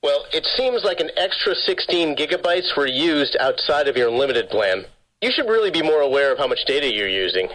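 A man's voice: on the high side, very animated, a little fast, a bit bright. Garbled man on a breaking-up phone line. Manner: scripted, repetitive sales-call delivery. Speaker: prank caller posing as phone company.

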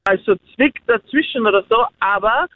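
Speaking at a moderate pace in a fairly high voice, this woman is a guest offering her opinions in a relaxed conversation. She wanders off topic, says things twice and laughs while talking. The dry, tinny audio sounds like it came through a phone.

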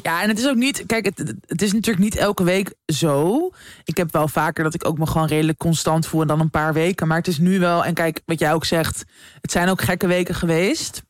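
A woman's voice: on the low side, fairly even intonation, brisk, no room sound. A woman co-hosting a podcast in casual chat, frank and reflective, swearing now and then. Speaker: podcast co-host.

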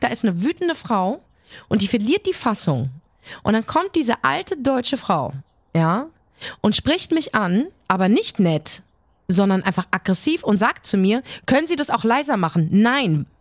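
A woman co-hosts a casual podcast, telling her stories in a fiery, emphatic way. Her voice sits fairly high. The sound is dry and close, with almost no room around it. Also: big pitch swings, no room sound. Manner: fiery storytelling, quick, emphatic. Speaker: podcast co-host.

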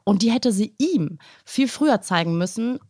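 A woman's voice: medium pitch, animated, normal speed, darkish tone, dry recording, studio quality. A woman hosting a casual talk show, chatting and asking long, winding questions. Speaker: host. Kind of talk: casual chat.

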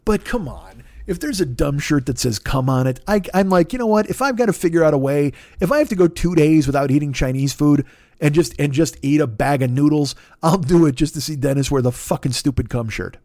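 As a podcast host, a man with a fairly high-pitched, dark-toned voice tells a rambling, profane comic story at a brisk clip. He swears constantly and acts out the exchanges he quotes. The sound is close and dry, without room echo.

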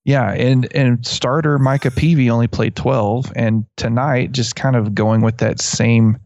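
A man's voice: medium pitch, fairly even intonation, measured pace, a little mellow, dry recording. Slightly dull-sounding man with a West Texas twang. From West Texas, USA. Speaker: sports podcast co-host. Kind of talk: casual sports chat.

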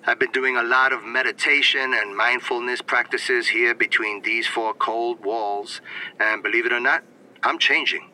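An actor playing a disgraced former police captain, speaking earnestly over a collect phone call from a prison payphone. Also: male voice, medium pitch, steady tone, moderate pace, sharp tone, a little hiss or hum. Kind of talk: improvised comedy podcast acting.

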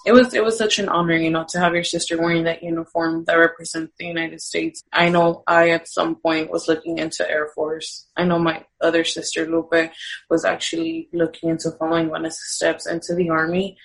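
Creaky, flat-voiced woman in an interview. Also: sits low, brisk, poor audio.

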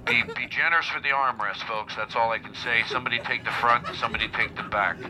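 A man making a relaxed, rambling airline captain's cabin announcement over the plane's PA, full of fillers. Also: medium pitch, quick pace, poor audio. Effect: cabin announcement over an airplane PA. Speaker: airline pilot.

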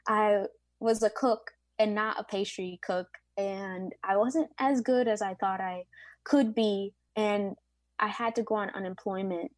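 Speaking with a darkish, mid-range voice and no echo, a woman in her late twenties answers interview questions about being a pastry chef. Her manner is reflective and earnest, filled out with frequent ums and fillers.

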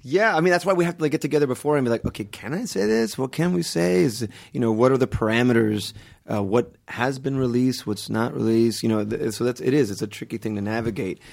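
A man in his thirties, a guest born in Guatemala and raised in Miami, talking in a relaxed, thoughtful way with many fillers and restarts. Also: mid-range voice, fast, vocal fry, no room sound, clean studio sound. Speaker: actor guest. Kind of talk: casual interview chat.

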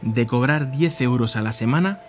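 Measured male documentary narrator. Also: medium pitch, soft background music. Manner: measured, descriptive. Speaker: podcast narrator, journalist.

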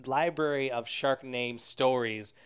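A man's voice: mid-range voice, unhurried, over a noisy crowd. A man hosting a casual interview, playful and joking, calling himself a nerd. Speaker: host.

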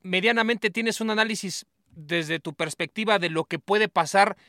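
A man's voice: high-pitched, moderate pace, bright, forceful tone, no echo, studio quality. A man with a Mexican accent hosting a casual interview, teasing his guest with crude, joking banter. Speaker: host.

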